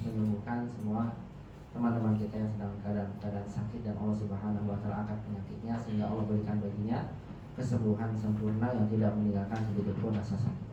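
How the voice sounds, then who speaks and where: This lowish male voice belongs to an Arabic teacher starting a class with prayers, speaking Indonesian in a formal way and reciting Arabic between. Background noise, echo from the mosque, and a far-off mic make it muffled.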